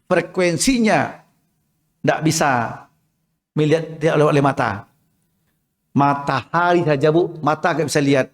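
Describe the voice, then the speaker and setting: A man's voice: a little high, a little slow, long pauses. Man preaching in a reverberant mosque hall. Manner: storytelling, often asks the women in the audience questions. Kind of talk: mosque study sermon.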